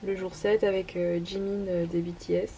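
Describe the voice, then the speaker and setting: A woman's voice: fairly low pitch, level tone, normal speed, dark tone, slight background noise. A young woman casually talking through her sketchbook pages as an artist vlogger, hesitant and full of fillers. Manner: hesitant, many fillers, self-deprecating laughs. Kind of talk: casual narrated walkthrough.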